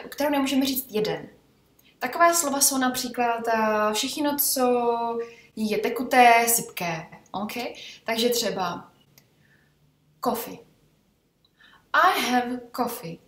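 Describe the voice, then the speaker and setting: Woman English teacher, chatty explainer, higher pitch, roomy distant sound. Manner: chatty, checks in with "ok?" and "jo?". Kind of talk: explanatory language lesson. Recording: echoey room, voice from far off.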